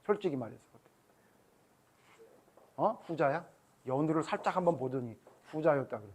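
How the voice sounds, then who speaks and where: A middle-aged man preaching to children in a somewhat high voice. He keeps turning to the kids with questions, and he slips into little acted voices as he retells the story. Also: expressive, moderate pace, a little mellow. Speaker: pastor. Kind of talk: children's sermon.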